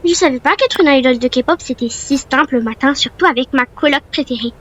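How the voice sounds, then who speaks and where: Woman acting young female idol trainee, high girlish voice, friendly, casual, doll-game role-play. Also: quick pace. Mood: cheerful, chatty.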